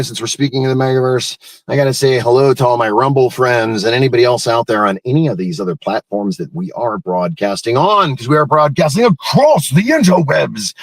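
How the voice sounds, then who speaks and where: A man's voice: mid-range voice, dry recording. A man hosting a live morning show in a casual, folksy, rambling way, wandering from one thought to the next.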